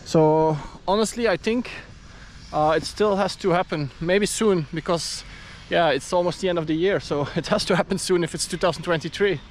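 Recorded on an action camera at arm's length, a thirtysomething man from Belgium narrates a casual travel vlog as he walks an outdoor stadium and its corridors, laughing a lot. He speaks at a moderate pace in a high-sitting voice, with a little hiss or hum.

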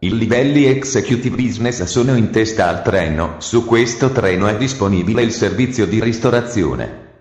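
A man gives train station announcements in a measured, formal way. His voice sits fairly low and rings out through an echoey hall. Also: a little mellow.

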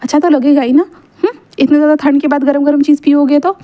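A woman voicing a calm, protective young man who gently scolds. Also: high-pitched, fast talker, close to an everyday voice. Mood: tender.

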